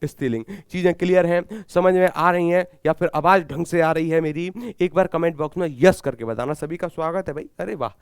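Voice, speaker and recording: Hindi tutor with a sore throat. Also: male voice, fairly high pitch, fairly quick, hardly any pauses, clean tone, no echo, clean studio sound. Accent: Haryanvi. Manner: asks the class a question and answers it himself; repeats key words, calls himself guruji. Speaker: Hindi exam teacher. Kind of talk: live online class.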